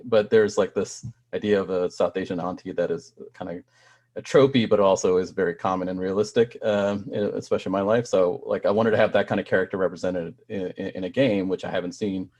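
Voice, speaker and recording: Man from Sri Lanka, low voice, soft-spoken game developer on a panel. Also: fairly even intonation, fairly quick, muffled recording. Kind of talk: panel discussion.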